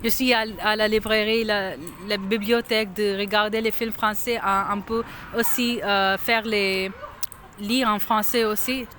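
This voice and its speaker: Outdoors on a city street, a hesitant young woman from Pakistan, a native Urdu speaker, is the guest in a casual interview. Her medium-pitched voice has a sharp tone and fairly even intonation, with a little hiss or hum in the audio. She halts often, restarting many times as she hunts for words.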